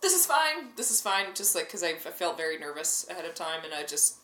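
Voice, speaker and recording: A woman's voice: fairly low pitch, big pitch swings, a little fast, sharp tone. A woman co-hosting a podcast, chatting wryly in her apartment, her voice bouncing off the bare walls with a cavernous echo. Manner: wry, self-deprecating, rambling. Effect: cavernous echo in the room. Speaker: podcast co-host. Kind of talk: casual chat. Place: apartment with a couch. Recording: echoey untreated apartment room.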